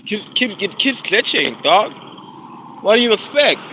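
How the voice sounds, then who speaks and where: South African man, casual rambling phone stream outdoors, bright raised voice, light street noise. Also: high voice, big pitch swings, unhurried, poor audio. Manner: rambling, slangy, apologetic about glitches. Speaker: rapper and vlogger. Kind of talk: casual live-stream chat.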